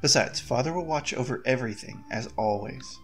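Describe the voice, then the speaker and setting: A man's voice: medium pitch, brisk, over music, lightly acted. A man voicing a nervous young princess in a game, who frets aloud and keeps repeating reassurances to herself. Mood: anxious. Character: nervous young princess, anxious heir to throne. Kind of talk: reading game dialogue aloud.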